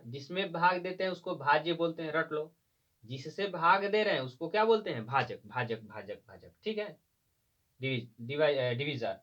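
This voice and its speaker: In a distant, dull, lo-fi recording, a male math teacher quizzes his students with repeated questions and spells out terms letter by letter. His voice is a little high and a bit bright, and he drills the terms call-and-response style.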